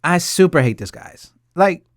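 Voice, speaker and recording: A man's voice: a little high, expressive, normal speed, no echo, clean studio sound. A man hosting a casual talk about a TV drama, ranting emphatically with lots of repetition and frequent laughs. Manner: laughs often. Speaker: host; English teacher.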